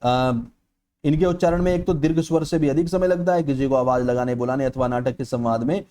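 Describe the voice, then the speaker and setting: Brisk and dark-toned, this man's mid-range voice delivers an explanatory exam-prep lecture. He keeps repeating "ठीक है" ("okay") to check on students and stretches vowels out to show how they sound.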